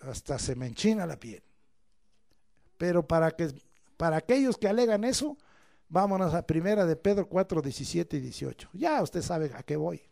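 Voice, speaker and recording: A man preaches a sermon to his church, his voice sitting high. He drops to quiet asides, then rises to loud emphatic proclamations, and slips in folksy jokes with the congregation. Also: animated, normal speed, vocal fry.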